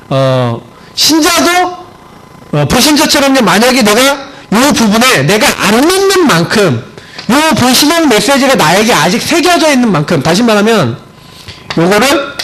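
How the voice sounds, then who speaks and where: A male pastor preaching a sermon, telling a family story, swinging from emphatic high points to low, quiet storytelling. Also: low-quality recording. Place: church sanctuary.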